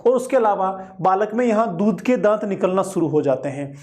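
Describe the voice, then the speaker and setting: A man's voice: high-pitched, lively intonation, fairly quick, a little mellow. A male teacher giving an exam-prep lecture, explaining each point and repeating it with everyday examples.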